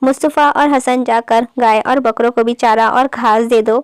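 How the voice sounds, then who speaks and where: Woman narrator, audiobook reading, smooth resonant voice, even storytelling. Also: fairly high pitch, no room sound. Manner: even storytelling read-aloud. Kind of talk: scripted novel narration.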